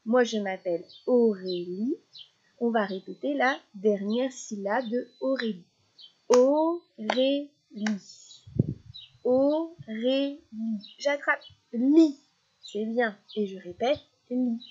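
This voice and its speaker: A woman with a fairly high, slightly husky voice teaches nursery rhymes to a young child. She speaks slowly and deliberately, chanting and echoing the final syllables of words. The recording sounds dull and lo-fi. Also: darkish tone.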